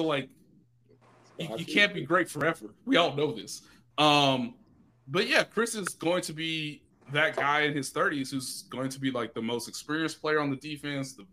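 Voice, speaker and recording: A man in a loose podcast chat, speaking as a sports reporter. His voice is a little high and ringing bright. He stays animated and excitable, leaping up in pitch whenever he wants to stress a point. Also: slight background noise.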